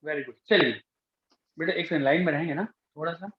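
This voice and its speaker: Speaking fairly quickly with a fairly high pitch, a male chemistry teacher gives a lecture in class. He coaxes his students and returns to the same questions again and again, and the audio is echoey and dull.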